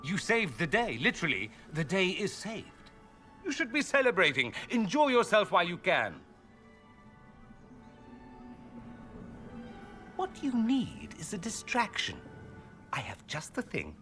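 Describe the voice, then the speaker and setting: With music playing underneath, a young nobleman mage companion from a fantasy role-playing game delivers playful, arch, ironic lines in a lively, swooping voice. The full character performance is high-pitched, theatrical and teasing, at a moderate pace.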